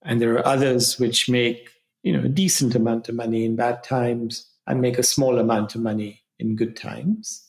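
Creaky-voiced man explaining. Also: medium pitch, fairly even intonation, moderate pace, a little mellow. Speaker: investment expert guest. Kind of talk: explanatory interview talk.

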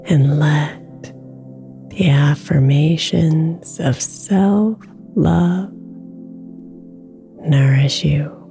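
A woman guiding a sleep meditation with affirmations, speaking softly and slipping into whispers, over soft music in the background. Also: low voice, vocal fry. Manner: slow, soft-spoken, drifting into whispers. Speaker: meditation guide.

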